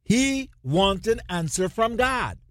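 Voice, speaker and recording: A Jamaican pastor co-hosting a radio ministry show preaches emphatically, drawing out words and asking rhetorical questions. His voice is high-pitched with big pitch swings, and there's no room sound.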